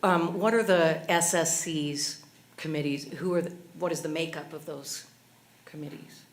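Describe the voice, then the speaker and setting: Low-voiced woman asking polite questions. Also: normal speed. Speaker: school board member.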